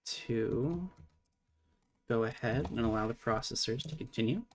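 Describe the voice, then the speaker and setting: A man's voice: medium pitch, measured pace. A man streaming live while programming, thinking aloud in a casual, muttering way and swearing now and then.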